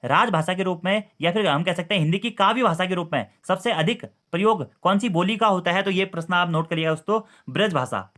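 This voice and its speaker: A man's voice: high voice, fairly quick, hardly any pauses, fairly bright tone. A man teaching an exam-prep lesson, asking questions and repeating the key answers to his listeners.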